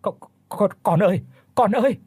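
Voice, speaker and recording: A man's voice: on the high side, expressive, brisk, a little mellow, husky, no echo, voice pushed up. A man voicing a terrified village wife who stammers and pleads with a ghost. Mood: desperate calling.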